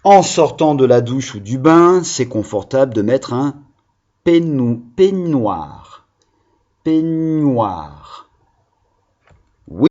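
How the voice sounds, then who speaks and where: A man's voice: medium pitch, mellow, lo-fi sound. A male primary school teacher giving a video phonics lesson to young children, patiently sounding out syllables.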